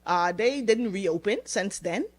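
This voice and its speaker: A young woman from the Bahamas, talking casually as a podcast guest, relaxed and chatty, laughing easily and repeating words as she goes. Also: mid-range voice, unhurried. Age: young adult. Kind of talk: casual interview chat.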